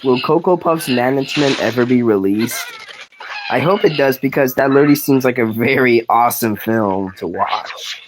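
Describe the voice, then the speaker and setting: A man chats his way through a game, rambling and often restarting his sentences. His voice sits at an ordinary middle pitch. Steady hiss sits under the recording. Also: moderate pace. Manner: rambling, restarts sentences, laughs at own jokes. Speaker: gaming commentator. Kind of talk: casual commentary while playing.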